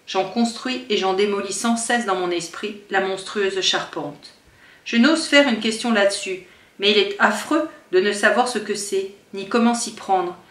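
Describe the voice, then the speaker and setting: A woman giving an expressive, emotional first-person reading of a classic novel as an audiobook. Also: mid-range voice. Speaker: audiobook reader. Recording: roomy sound from some distance from the mic.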